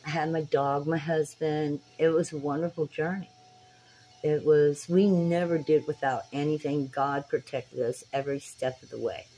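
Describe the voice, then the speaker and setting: A spiritual tarot vlogger in her sixties earnestly preaches to her viewers in a casual talk, facing a phone camera held at arm's length in a small dim room. She speaks at normal speed in a deep, warm voice with fairly even intonation, though the audio is poor with slight background noise.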